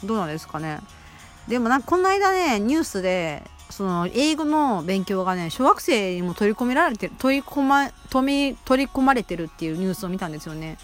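A woman's voice: medium pitch, sing-song, fairly quick, faint music behind. A woman hosting her own casual solo talk show on a radio app, chatting in a rambling, self-deprecating way with many fillers. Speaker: amateur radio-app host.

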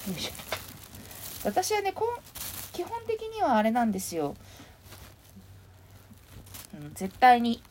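A woman's voice: on the high side, wildly swooping pitch, measured pace, long pauses, darkish tone. A woman hosting a casual solo podcast, rambling and chatty as she sorts clothes at home. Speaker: podcast host. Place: at home, sorting clothes while talking. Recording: noisy home recording.

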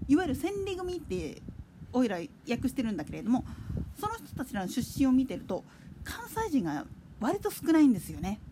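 Woman, solo podcast host, casual chat, high voice, very animated pitch. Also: a little hiss or hum. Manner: chatty, digressive, with soft laughs.

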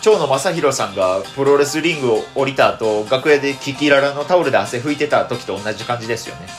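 A man's voice: fast talker, soft background music. A young man with a Kansai accent, a comedian telling a casual solo story full of fillers. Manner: lively storytelling with many fillers and animated pitch swings. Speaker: comedian hosting a solo radio talk.

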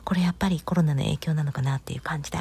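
A woman with a Kanto-style Japanese accent hosts her own casual solo chat. Her voice sits low and sounds husky and breathy, often sinking toward a whisper. She talks unhurriedly with frequent hesitant fillers. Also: rapid-fire. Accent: Kanto-style Japanese, switching from Kansai. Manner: soft, half-whispered delivery with frequent hesitations. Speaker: host of her own talk channel.

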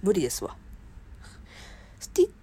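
A woman's voice: moderate pace, warm tone. A woman with a Kansai accent talking alone in a playful, self-mocking, chatty way as host of a solo audio show. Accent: Kansai Japanese. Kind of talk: casual solo talk with impressions.

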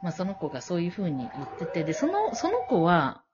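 A woman's voice: fairly low pitch, huge pitch swings, fairly quick, lo-fi sound, noisy background. A woman from Japan co-hosting a podcast, chatting casually and rambling as she searches for words. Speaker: podcast co-host. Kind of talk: casual chat, telling a personal worry.

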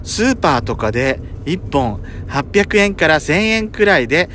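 A man's voice: a little high, very animated, unhurried. A man with a camp, teasing, auntie-like way of talking, hosting a casual podcast and reading out listener letters. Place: inside a car being driven. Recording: road noise inside moving car. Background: road and engine noise.

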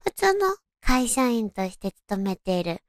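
Speaking at a measured pace, this solo audio show host sounds very animated, her pitch fairly high. She's a young woman whose cute, anime-like voice stands out as she casually and politely introduces herself in a friendly way. The recording is dry.

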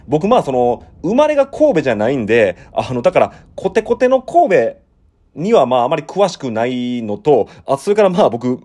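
A musician in his thirties from Osaka, Japan, hosts a relaxed solo podcast reading listener letters, speaking in a western Osaka Kansai dialect. He's chatty and rambling, his pitch swinging lively as he explains things.

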